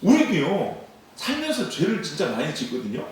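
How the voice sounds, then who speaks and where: Animated male pastor in an echoing church. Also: fairly high pitch, moderate pace, far from the mic, a little hiss or hum. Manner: lively preaching that acts out quoted dialogue and questions the congregation. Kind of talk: sermon. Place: church sanctuary at a dawn service. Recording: echoey church sound from away from the mic.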